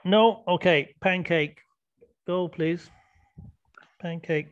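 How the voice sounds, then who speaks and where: A man's voice: sits high, slow pace, no room sound, dull audio. A man teaching an online English class, patiently prompting students with questions over a video call.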